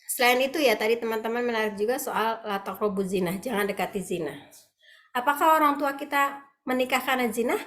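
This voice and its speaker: A woman's voice: on the high side, fairly quick, fairly bright tone. A woman lecturer teaching an online class, chatting with her students, asking them questions and acting out what parents say. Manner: conversational, asks students questions, acts out parents' quoted lines. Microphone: video call.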